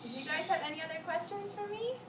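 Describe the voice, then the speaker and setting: A young woman student teacher, speaking expressively and quickly at an extremely high pitch, reads aloud and talks simply with young children. It was recorded indoors in a school classroom, distant, roomy, and noisy.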